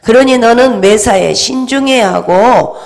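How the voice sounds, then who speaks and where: Woman preacher doing the Lord: solemn fatherly male divine voice, slow archaic commands, a little gravelly. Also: fairly high pitch.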